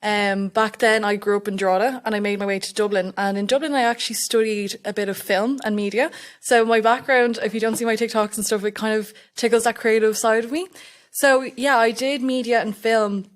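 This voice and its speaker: Her voice on the high side and her intonation fairly even, a young electrical apprentice from Estonia talks at a brisk clip. As an interview guest in a casual chat, she tells a story and performs the lines people said.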